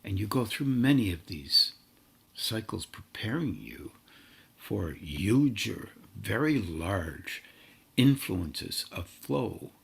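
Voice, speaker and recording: A man giving a meditative spiritual talk in slow, halting, drawn-out phrases. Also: on the low side, big pitch swings, creaky, slightly rough. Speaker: spiritual teacher.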